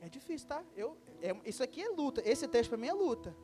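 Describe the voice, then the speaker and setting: A man with a Brazilian Portuguese accent preaching a sermon as pastor, lively and acting out short dialogues. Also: extremely high pitch, fast talker, music in the background. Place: church service.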